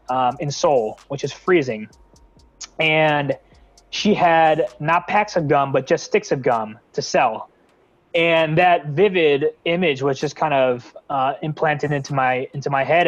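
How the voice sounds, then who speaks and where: A young American nonprofit founder from the San Francisco Bay Area talks earnestly in a casual interview, full of fillers and restarts. His voice is a little high, and the recording sounds muffled.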